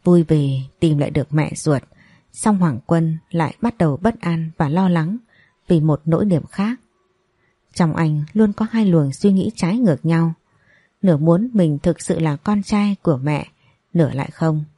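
A woman narrating a dramatic story in scripted form, quick and steady. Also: sits low, breathy edge, no echo.

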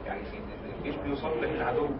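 A male student asking the teacher a question from the audience, in a quick, questioning, conversational way. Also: medium pitch, recorded from a distance, highs cut off, crowd noise.

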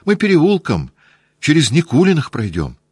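Male reader as a hurried, blunt serving girl, pitched up and loud, dry sound. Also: wildly swooping pitch, slightly rough, no echo, heavily acted. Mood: urging. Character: barefoot young servant girl, blunt and plain.

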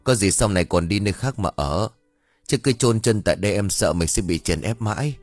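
A man voicing a gentle young wife, talking in a soft, caring way. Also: on the low side, brisk, no echo, soft background music, close to an everyday voice. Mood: worried caring.

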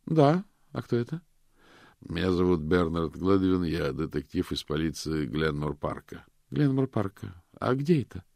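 A man voicing a talkative, anxious woman on the phone who chatters in a high voice and drops to whispers. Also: big pitch swings, measured pace, gravelly, darkish tone, no room sound, clean studio sound, full character voice. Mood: puzzled.

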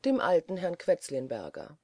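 A reader voicing a sly old male servant in an audiobook, speaking calmly and dryly. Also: mid-range voice, moderate pace, no room sound. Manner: calm, dry, sardonic. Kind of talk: audiobook character voice.

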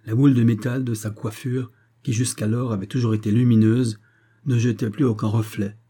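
A man reading a French novel aloud as an audiobook, in measured, dramatic narration. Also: mid-range voice, little pitch movement, dark tone, slightly rough. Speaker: audiobook reader.

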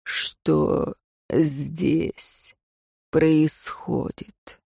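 A woman voicing a weary, commanding masked male lord in an audiobook, speaking low and slow. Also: level tone, creaky, mellow, slightly rough, no room sound, studio quality, heavily acted. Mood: cold, weary. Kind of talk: audiobook narration.

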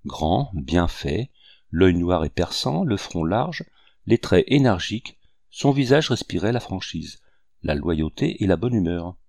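A man narrating a historical novel in a measured, descriptive audiobook reading. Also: low-pitched, very animated, creaky, a little mellow, no echo, clean studio sound.

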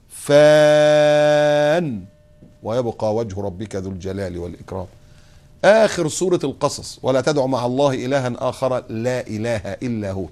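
A man preaching a sermon in an Egyptian accent, acting out short everyday dialogues and dropping to a hushed tone for quotations. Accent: Egyptian Arabic. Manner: lively, acts out little dialogues, drops to a low hush for quotes.

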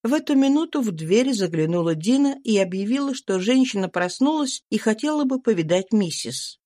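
A woman narrating a classic novel as an audiobook in a measured storytelling manner. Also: mid-range voice, a little mellow. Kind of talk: scripted narration.

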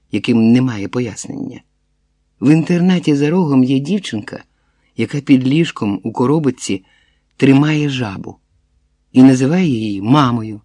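A man reading a literary short story aloud in a measured, steady way. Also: medium pitch, no echo. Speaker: audiobook reader. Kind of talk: literary narration.

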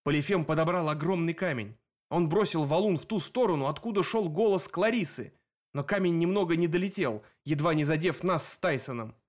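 A man's voice: a little high, a little fast. Man narrating an action audiobook. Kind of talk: first-person scripted narration.

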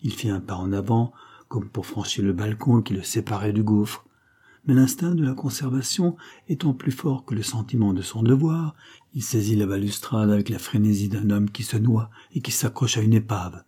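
A man narrating a classic novel as an audiobook, in a measured, dramatic storytelling manner. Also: on the low side, mellow, breathy edge. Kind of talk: scripted literary narration.

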